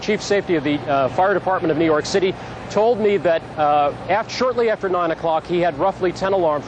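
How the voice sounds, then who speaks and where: A man giving an unscripted live news report from outdoors, recounting events in a halting, measured way. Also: high-pitched. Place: outdoors on a city street. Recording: clear outdoor traffic noise.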